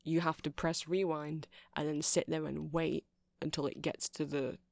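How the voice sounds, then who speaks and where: With a medium-pitched, gravelly voice, level tone and normal speed, a performer voices a chatty nerd of a male vampire running a shop for an ASMR roleplay. Helpful yet uncertain, he explains things in a rambling, hesitant, apologetic way, often correcting himself during the casual sales talk. The natural-sounding recording is studio quality, with no room sound.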